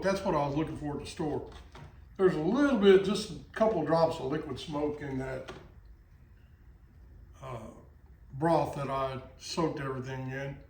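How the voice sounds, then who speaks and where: Off-mic in an echoey kitchen, a man from Texas talks his way through cooking for his vlog, with a Texan accent and a folksy, digression-heavy style. His voice sits a little high, and there's some hiss or hum along with the sizzle of frying.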